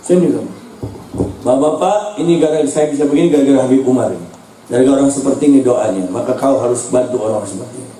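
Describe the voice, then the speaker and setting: A man's voice: medium pitch, quick pace, warm tone, pitched below the performer's own voice, close to an everyday voice. A man acting out a senior male police officer who speaks in a commanding way. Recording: roomy hall, distant mic, faint noise.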